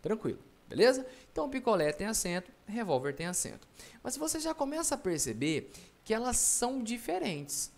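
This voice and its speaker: Chatty teacher, lively pitch. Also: male voice, brisk. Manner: chatty, playful, talks straight to the viewer. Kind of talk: online video lesson.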